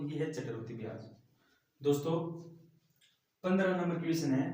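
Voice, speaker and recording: A man's voice: fairly high pitch, a little mellow. A man teaching a math lesson step by step, often addressing the class as friends. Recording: very echoey room, mic at a distance.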